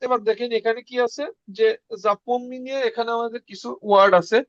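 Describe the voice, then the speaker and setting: A man teaching a casual beginner lesson, repeating words slowly for learners. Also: very high voice, steady tone, fairly bright tone, dry recording, muffled recording. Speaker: Russian language teacher.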